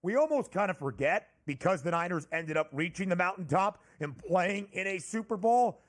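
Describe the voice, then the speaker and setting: A high-voiced man hosts a sports betting talk, briskly reeling off odds and team records. He steers the chat and puts questions to his co-host. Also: expressive. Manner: brisk, numbers-heavy analysis, leading the questions.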